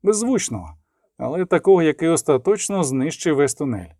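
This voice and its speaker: A man reading an audiobook as narrator, with lively dramatic emphasis and the dialogue lines voiced. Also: on the high side, brisk, dry recording, studio quality. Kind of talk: scripted narration.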